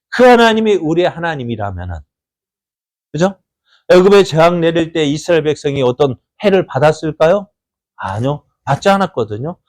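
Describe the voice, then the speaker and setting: A man preaching a sermon as pastor of a church, putting questions to the congregation and answering them himself, and acting out quoted voices with sudden jumps in pitch and loudness.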